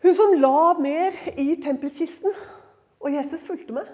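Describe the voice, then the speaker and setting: A woman with a high voice gives a devotional talk at a women's retreat. She tells the stories in an animated way, acting out the characters' lines and moving between loud, excited passages and hushed, tender ones. Her casual asides keep the tone warm and conversational. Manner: lively storytelling, acts out quoted lines, swings from loud to hushed; conversational fillers, frequent laughter in voice.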